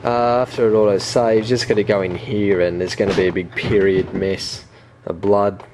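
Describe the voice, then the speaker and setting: A young man hosting a casual let's play, chatty, jokey and excitable. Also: fairly low pitch, normal speed. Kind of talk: casual gameplay commentary. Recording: noisy home recording. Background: game audio.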